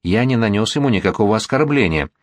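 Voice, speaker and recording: A self-assured gentleman speaks in a calm, reasoning way, as a man reading an audiobook voices him. The voice is low. The recording is dry and close. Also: fast, no room sound, lightly acted. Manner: composed and reasoning.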